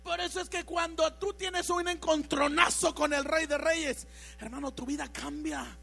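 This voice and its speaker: A woman preaching a fervent sermon, at times rising to a shout. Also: sits high, fairly even intonation, moderate pace, creaky.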